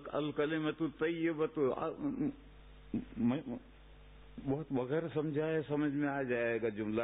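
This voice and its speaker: A man preaching in a mosque in a conversational way, asking rhetorical questions and reciting Arabic sayings. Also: a little high. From India. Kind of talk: sermon in a mosque. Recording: tinny phone-like lo-fi recording.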